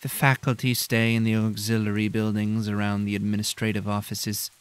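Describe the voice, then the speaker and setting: A condescending professor , put on by a man, drones in a flat, nasal monotone, each word drawn out coldly. The tone stays smooth and clean, never rising or falling much. He sounds bored by the tour he is giving. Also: lowish voice, natural voice. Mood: smug. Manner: cold, slow and drawn-out.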